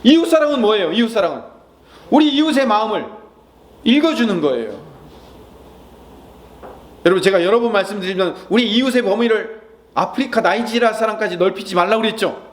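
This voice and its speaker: Male pastor, high voice, preaching a sermon; asks the room questions, softens for comforting lines. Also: expressive, fairly quick, pauses often. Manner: asks the congregation questions and answers them; soft, gentle asides when quoting comforting words.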